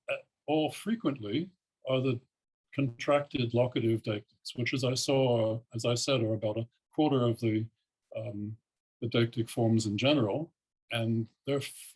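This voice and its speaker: An older man giving an academic keynote lecture, explaining in a measured way with frequent pauses and ums. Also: mid-range voice, a little mellow, breathy edge, poor audio. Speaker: keynote speaker, linguistics professor.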